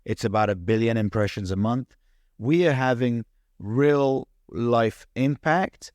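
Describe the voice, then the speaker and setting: A young adult man who grew up in the United Kingdom appears as a podcast guest, a social media founder talking quickly and earnestly in conversation, often stumbling and beginning sentences again. His voice is mid-range and a little mellow.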